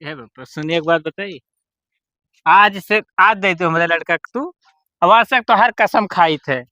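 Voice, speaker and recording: A man's voice: high voice, a little slow, bright, forceful tone, no echo. A man playing a shiftless, argumentative drunkard son in an amateur village comedy, wheedling in an Awadhi accent. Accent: Awadhi, eastern Uttar Pradesh.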